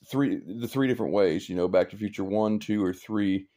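Man, lowish voice, easygoing hobbyist walking through his models off camera; loose, rambling delivery with "uh"s and soft chuckles. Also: fairly quick. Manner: relaxed and rambling, with fillers and small chuckles. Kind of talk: casual show-and-tell chat. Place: indoor hobby room, filming his own builds.

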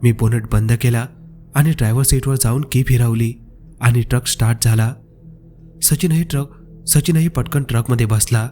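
A man narrating a horror story in a steady, suspenseful storytelling manner. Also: mid-range voice, moderate pace, slight background noise. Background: faint background music.

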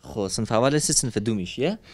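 A man talks to children on the street in a soft, coaxing way. He soothes and encourages them, and his voice sits at an ordinary middle pitch. He asks questions patiently and keeps reassuring them. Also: expressive, slightly rough, no room sound. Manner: gentle, coaxing, soothing, full of endearments. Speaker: charity vlogger interviewing working street children. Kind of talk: street interview. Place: street outdoors.

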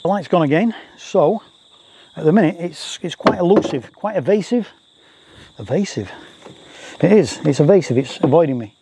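This landscape photographer and vlogger talks casually and self-deprecatingly outdoors on a grassy rural roadside, repeating himself often. He speaks fairly quickly in an expressive, creaky voice of fairly high pitch, with insects and faint outdoor noise audible.

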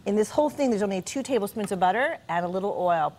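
A woman's voice: mid-range voice, animated, fast, a little mellow, slight background noise. A middle-aged woman cooking instructor walking through a recipe step by step on a TV studio kitchen set, friendly and explanatory. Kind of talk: cooking demonstration on a TV show.

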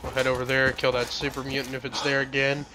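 A man's voice: mid-range voice, completely flat delivery, fast talker. A man giving casual gameplay commentary, profane and joking, muttering to himself as he plays.

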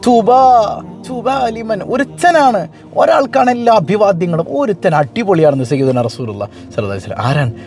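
A man's voice: sits high, animated, brisk, darkish tone, faint music behind. A man preaching an emphatic storytelling sermon, often asking his listeners questions.

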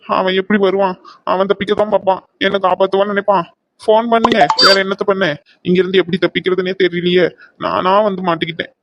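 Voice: mid-range voice, little pitch movement, quick pace, muffled recording, close to an everyday voice. A performer voicing a captured villain in a cartoon, a boastful man turned whiny coward who grumbles and pleads comically.

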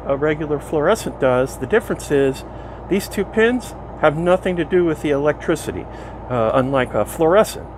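Rambling DIY man in a noisy bus. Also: a little high. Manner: rambling, relaxed, many fillers and self-corrections. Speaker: DIY vlogger restoring a vintage motorhome. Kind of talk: casual thinking-aloud workshop narration. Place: inside an old motor coach. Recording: steady background hum, noisy.

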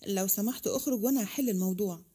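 A woman's voice: mid-range voice, racing, husky, natural voice. A woman voicing a stern Egyptian older man. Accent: Egyptian Arabic. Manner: sharp and firm. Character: stern middle-aged family friend.

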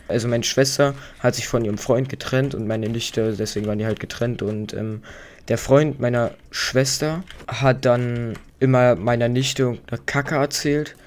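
A man's voice: mid-range voice, slight background noise. A young man hosting a let's play, telling a story in casual, rambling, slang-heavy chat. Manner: slangy, rambling, chatty with many fillers. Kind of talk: casual gaming commentary while storytelling.

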